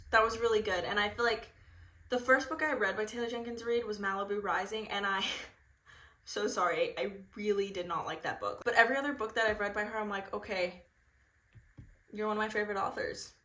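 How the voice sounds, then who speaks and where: A young woman with a drawl chats about her reading in a bubbly, filler-heavy way. Her voice is bright and clear, and the room behind it rings with echo. She talks at an even middle pitch. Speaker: book vlogger. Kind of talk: chatty reaction vlog.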